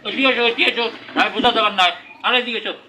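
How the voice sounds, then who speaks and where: A man's voice: extremely high pitch, fast talker, sharp tone, slight background noise, rough recording. A man with a Rangpuri Bengali accent who teases and laughs a lot, slipping into broad village dialect in a comedy sketch. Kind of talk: playful dialect comedy banter.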